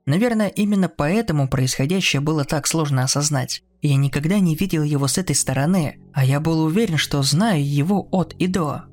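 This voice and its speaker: Man, horror story narrator, measured, somewhat high voice. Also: darkish tone.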